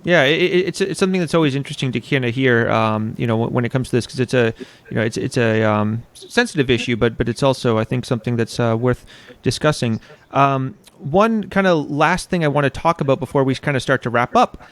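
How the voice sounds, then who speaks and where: A man's voice: mid-range voice, fairly quick. An American man hosting an interview, asking long questions full of hesitations and restarts. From United States. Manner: hesitant, many fillers and restarts. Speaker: interviewer, podcast host.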